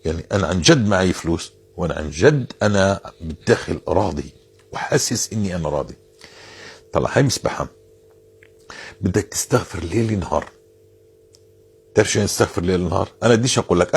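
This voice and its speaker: A man's voice: low-pitched, lively intonation, quick pace, pauses often, slightly rough. A man giving informal religious advice, earnest and insistent, repeating phrases to drive his point home.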